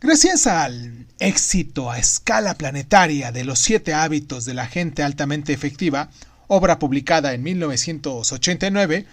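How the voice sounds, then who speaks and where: A man's voice: fairly high pitch, lively intonation, normal speed. A man hosting a podcast, narrating a semi-scripted book summary with emphatic stresses on phrases. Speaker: podcast host.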